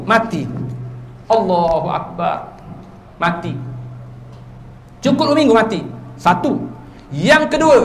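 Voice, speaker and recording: A man with a Terengganu Malay accent giving an evening lecture as a religious teacher in a village prayer hall, telling stories with sudden swings between loud and soft. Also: slight background noise. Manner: lively storytelling with sudden swings in pitch and loudness.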